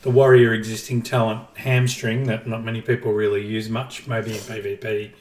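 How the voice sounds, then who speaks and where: A man's voice: lowish voice, little pitch movement, moderate pace, darkish tone. A man co-hosting a casual gaming podcast, explaining his ideas at length with dry jokes. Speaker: podcast co-host. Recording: roomy, distant from the mic.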